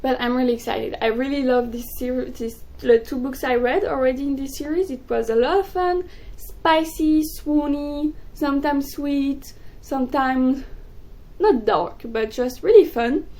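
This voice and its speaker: A young woman, a native French speaker, chatting excitedly about books in a casual vlog. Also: high voice, poor audio. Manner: excitable, gushing, quick bursts. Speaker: book vlogger. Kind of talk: casual chat to camera.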